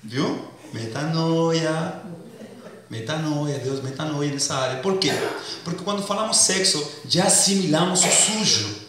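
High-voiced preacher in echoey church. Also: male voice, moderate pace, fairly bright tone. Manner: casual slangy preaching with congregation call-and-response; acts out comic skits. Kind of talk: sermon. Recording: echoey church hall, distant mic.

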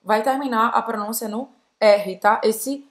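A Brazilian-accented woman hosting a relaxed language lesson. Her voice sits a little high, and she explains in a chatty, conversational flow. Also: measured pace. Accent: Brazilian Portuguese. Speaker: host, language teacher. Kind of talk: casual teaching chat.

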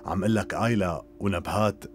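A man's voice: low voice, fairly quick, natural voice. A man dubbing a worried older man buried in debts, groaning and exasperated, in a TV drama. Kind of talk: dubbed TV drama.

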